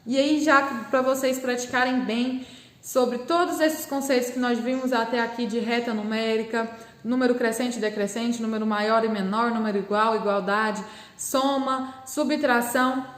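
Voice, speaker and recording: A Brazilian woman teaching a primary school class, patiently explaining and drawing out syllables slowly. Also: a little high, steady tone, reverberant. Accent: Brazilian Portuguese. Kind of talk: recorded remote class lesson.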